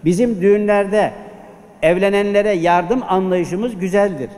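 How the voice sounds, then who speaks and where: Man, preacher, pulpit microphone, high mellow voice, long hall reverb. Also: a little slow. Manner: exhorting, with rhetorical questions to the congregation. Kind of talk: Friday sermon.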